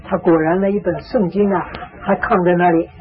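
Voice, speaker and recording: A man preaching a storytelling sermon, repeating phrases for emphasis and filling pauses with drawn-out "ah"s. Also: sits high, steady tone, background noise. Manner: repetitive, emphatic, frequent drawn-out "ah" fillers. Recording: tinny phone-like lo-fi recording.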